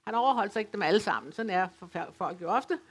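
A woman from West Funen giving an academic lecture, speaking in a measured, explanatory way with occasional hesitations. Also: mid-range voice, expressive, husky. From West Funen, Denmark. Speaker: lecturer on dialect literature. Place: folk high school lecture venue.

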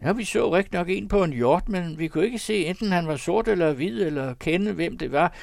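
A man's voice: high voice, expressive, gravelly, no room sound, clean studio sound, voice pushed up. A man voicing a rural male farmer who answers in a raised, eager voice.

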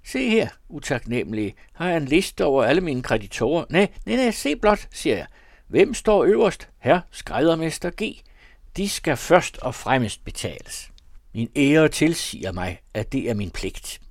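A man voicing a merry, indebted young gentleman who speaks with mock-pompous exuberance. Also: a little high, very animated, gravelly, dry recording, studio quality, pitched above the performer's own voice, exaggerated voice. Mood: exuberant.

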